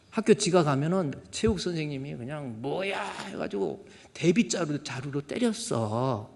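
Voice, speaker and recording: An older man preaching a sermon as a pastor, telling stories and acting out shouted quotes. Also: on the high side. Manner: storytelling, acts out shouted quotes. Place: church sanctuary. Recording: church hall reverb.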